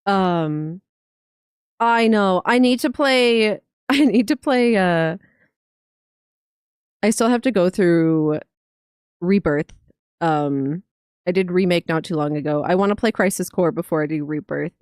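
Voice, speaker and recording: A woman streamer reacting live, talking in a gushing, excitable way with swearing and laughter. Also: lowish voice, clear, resonant tone, no room sound, studio quality.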